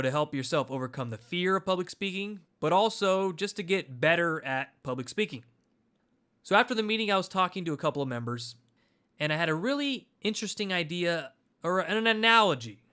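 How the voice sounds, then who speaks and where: A man's voice: a little high, fairly bright tone. A man hosting his own public speaking channel, talking to camera in a chatty, playful, upbeat way. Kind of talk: casual direct-to-camera talk.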